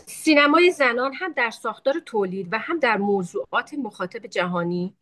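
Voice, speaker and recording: A woman panelist speaking over a video call, talking in short measured segments and pausing for interpretation. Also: on the high side, animated, a bit bright. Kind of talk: webinar talk in short segments.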